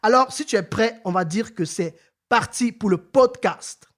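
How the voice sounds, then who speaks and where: A podcast host conducts a casual interview in a high, somewhat bright voice at an unhurried pace. He's hesitant, often stumbling over repeated words and fillers, especially "en fait," though he now and then rises into an emphatic, rallying tone.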